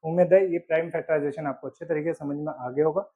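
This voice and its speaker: High-voiced man teaching math step by step. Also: fairly even intonation, racing, husky. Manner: explains step by step, checks in with "ठीक है". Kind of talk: board-exam math lesson. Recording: dull lo-fi audio.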